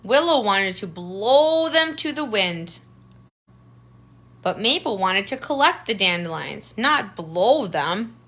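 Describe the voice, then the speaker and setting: Slow and sing-song, her mid-range voice is bright and forceful as she reads a picture book to children. The tutor keeps her phrasing simple, slipping in explanations and using questions and remarks to point things out.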